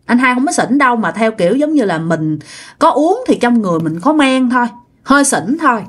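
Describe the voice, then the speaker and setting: A woman's voice: a little high, very animated, brisk. A woman telling a ghost story in a conversational way, speaking straight to her listeners. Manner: conversational, addresses listeners directly. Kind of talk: spoken ghost story narration.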